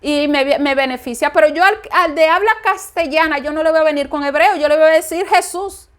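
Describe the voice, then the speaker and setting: A woman with a strikingly high voice gives an informal spoken sermon in her native Spanish. She is emphatic and circles back to say each point several times. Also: a little fast.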